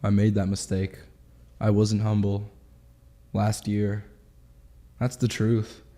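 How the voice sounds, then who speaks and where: A man of twenty, telling his story in a candid interview in quick, animated bursts. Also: lowish voice. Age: 20s. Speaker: guest.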